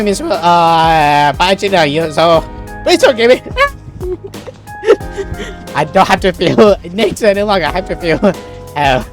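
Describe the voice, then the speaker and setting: A woman giving casual Let's Play commentary, jokey and sweary as she reacts out loud, with game music behind her. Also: lowish voice. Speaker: gaming video host. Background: video game music.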